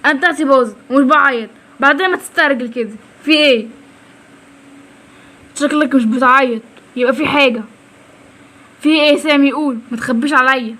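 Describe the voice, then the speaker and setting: A woman's voice: sits high, quick pace, long pauses, pushed and bright. A woman with an Egyptian accent voicing a cocky boy who talks in a mocking, brash way. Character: cocky, teasing boy friend.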